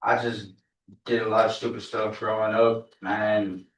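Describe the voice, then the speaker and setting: A man's voice: on the low side, level tone, unhurried. A man in his twenties from Texas testifying in court as a defendant, giving brief, deferential answers. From Texas, United States. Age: 20s. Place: indoor courtroom. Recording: distant, echoey, dull courtroom audio.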